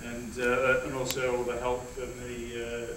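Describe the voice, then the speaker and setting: A man's voice: medium pitch, completely flat delivery, measured pace. A middle-aged man closing an event with formal, grateful remarks. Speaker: event organiser thanking the audience. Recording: distant echoey hall with crowd and hum.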